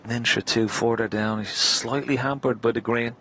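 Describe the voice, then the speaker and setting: A man giving live snooker commentary in a hushed, understated way. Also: mid-range voice, fairly even intonation, normal speed. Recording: crowd ambience and background noise.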